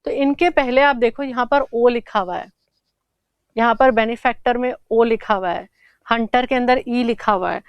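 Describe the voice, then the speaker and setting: A woman's voice: fairly high pitch, moderate pace, smooth, dry recording, dull audio. A woman teaching an English grammar lesson for exam prep, explaining step by step and answering her own questions.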